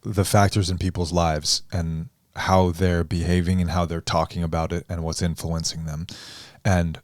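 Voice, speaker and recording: A man and coach on a podcast conversation, explaining ideas in a measured, thoughtful way. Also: low voice, flat delivery, no room sound, clean studio sound. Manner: measured, thoughtful, deliberate phrasing.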